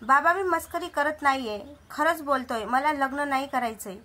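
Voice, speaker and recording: A woman's voice: high voice, normal speed, sharp tone. A woman voicing a remorseful young man who tells of his mistakes in a storybook tale. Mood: desperate.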